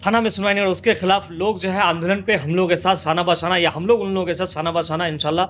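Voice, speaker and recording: Impassioned high-voiced male politician. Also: steady tone, racing, fairly bright tone. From West Bengal, India. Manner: impassioned, repetitive rhetorical lists. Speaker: local politician. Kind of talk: interview answers.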